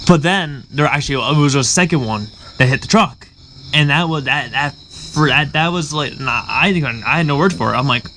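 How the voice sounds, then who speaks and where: A young man hosting a casual podcast, speaking haltingly with frequent restarts. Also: on the high side, bright, forceful tone, a little hiss or hum, poor audio. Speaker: podcast host. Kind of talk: casual chat.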